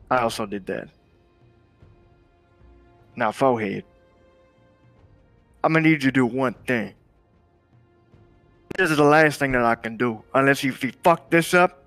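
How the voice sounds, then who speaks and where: A man's voice: medium pitch, a bit bright, lightly acted. A man playing an intense, menacing, aggrieved music boss in an improvised crime game role-play, brooding and repeating himself for effect. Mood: stern.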